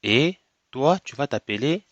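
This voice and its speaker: A programming tutor with a cold speaks in an animated, medium-pitched voice; the audio is dull and has no room sound. He leads a screen-recorded coding tutorial at a slow, step-by-step pace, repeatedly asking "ok?".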